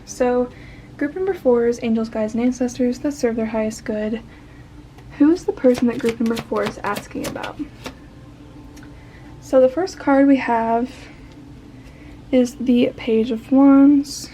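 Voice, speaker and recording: A young woman giving a casual tarot card reading, tired and a bit croaky, chatty and rambling with fillers and soft laughs. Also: on the high side, moderate pace, long pauses, slight background noise. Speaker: tarot reader.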